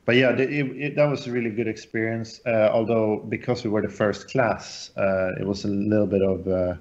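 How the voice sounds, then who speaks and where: A man's voice: on the low side, fairly even intonation, fairly quick, a little mellow, highs cut off. A man from Sweden, a guest on a live show, chatting casually and loosely with fillers and restarts. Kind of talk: casual podcast chat.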